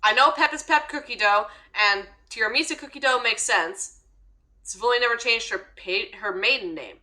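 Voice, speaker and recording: A woman's voice: a little high, normal speed, sharp tone, poor audio. A young woman streaming a game and chatting casually, blunt and swearing, laughing often. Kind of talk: casual gaming commentary.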